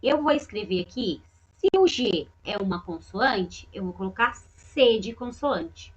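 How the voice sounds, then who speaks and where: A woman's voice: mid-range voice, animated, measured pace, rough recording. A woman teacher, patiently walking young pupils through a lesson, often repeating herself and pointing things out. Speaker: primary school teacher. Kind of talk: remote lesson walkthrough.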